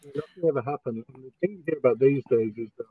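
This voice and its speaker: A man with a broad Australian accent chats casually at a middling pitch, rambling from one story to the next. His talk is rough with slang and swearing. The sound is close and dry, a little muffled and lo-fi. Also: fast, dry recording.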